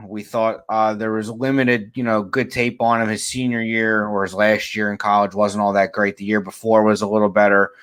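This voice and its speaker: A man with a lowish voice co-hosts a casual sports podcast. He talks in a relaxed, measured way and weighs his words. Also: clear, resonant tone. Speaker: podcast co-host.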